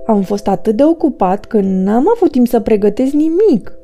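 A kind, eager little male forest creature, as a woman puts him on in a storybook reading, pitched up high and lively. He coaxes and cheers his friend along, his voice mellow and soft at the edges. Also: faint music behind. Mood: dismayed. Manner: lively, encouraging.

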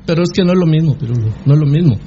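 A man's voice: on the high side, lively intonation, very fast, mellow. A Guatemalan man on a sports radio panel, arguing his point insistently and cutting back in. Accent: Guatemalan Spanish. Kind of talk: heated radio debate. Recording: dull radio broadcast sound, faint noise.

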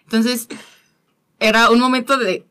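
A woman's voice: fairly high pitch, level tone, sharp tone. Earnest woman sharing a faith story. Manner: earnest, halting, repeats words. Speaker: guest. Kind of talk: personal faith testimony.

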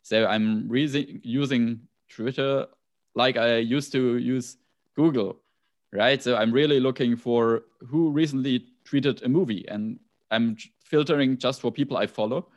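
A man with a German accent in a relaxed podcast conversation, thinking aloud with frequent restarts and asides. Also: mid-range voice, unhurried, dull audio.

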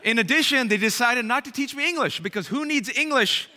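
Animated joking man in an echoing hall. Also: extremely high pitch, a little fast. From Bay Area, California. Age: 30s. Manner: animated, joking with the audience, shouting punchlines. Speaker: speaker. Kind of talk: comic storytelling talk. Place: large hall with live audience. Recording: reverberant hall.

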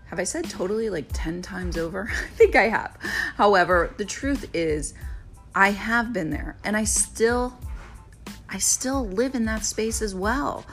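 A woman's voice: mid-range voice, a little slow, a bit bright. Brief: friendly woman podcaster, coaching tone, conversational, light music bed. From Florida. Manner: chatty, encouraging, asks "right?" often. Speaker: podcast host; real estate agent and video coach. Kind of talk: casual solo podcast talk.

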